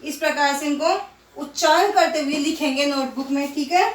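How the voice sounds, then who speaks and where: This primary school Hindi teacher guides young pupils through a recorded online lesson, patiently drilling words and answering her own questions. Her high voice moves at a moderate pace and sounds set back from a distant mic in an echoing, roomy space.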